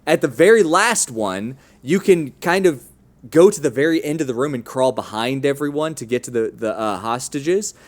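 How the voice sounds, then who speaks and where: A man co-hosting a casual gaming podcast, telling his playthrough with lively storytelling and quick acted-out bits of characters. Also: mid-range voice. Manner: animated storytelling, acts out game characters. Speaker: podcast co-host.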